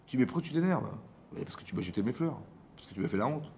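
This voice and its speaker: Lively French rabbi teaching a class. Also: male voice, mid-range voice, rapid-fire, creaky, a little hiss or hum. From France. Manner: lively, acts out dialogues, asks the audience if they understood. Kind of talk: Torah lesson. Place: community hall class.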